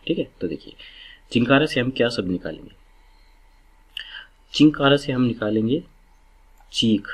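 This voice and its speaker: A man with a low, husky voice teaches exam memory tricks. He explains each step patiently and drills key words over and over. The recording sounds dull and lo-fi.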